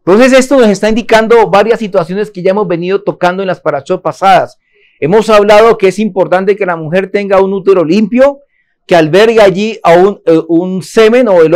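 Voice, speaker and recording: A man's voice: sits high, a little mellow. A man teaching a Torah lesson, asking his listeners questions and answering them himself.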